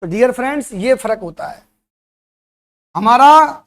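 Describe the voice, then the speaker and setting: A man's voice: extremely high pitch, lively intonation, a little slow, creaky. A man teaching at a coaching center, giving a motivational classroom talk and throwing rhetorical questions at his students.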